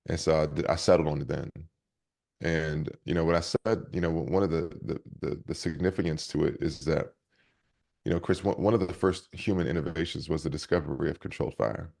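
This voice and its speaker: A man's voice: a bass voice, steady tone, brisk, creaky, a little mellow. A man who is a leadership coach and speaker, telling stories energetically in an interview with many restarts. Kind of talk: conversational interview storytelling.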